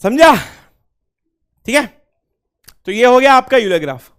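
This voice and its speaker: A man gives a lecture in a clear, smooth voice, asking his students questions and answering them himself. He drops English phrases into his talk and goes over key points more than once. He speaks slowly and his voice sits high. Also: very animated, fairly bright tone. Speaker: teacher. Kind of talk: classroom lecture.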